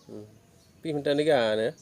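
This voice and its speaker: A man's voice: medium pitch, normal speed, a little mellow. A man asking questions in casual conversation as an interviewer. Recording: faintly noisy amateur recording, outdoor ambience.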